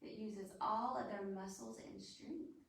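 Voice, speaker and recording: This library storytime host has a mid-range, fairly bright voice and speaks a little slowly. She reads aloud to young children and explains things in simple, demonstrative phrases, captured by a distant microphone in an echoey room.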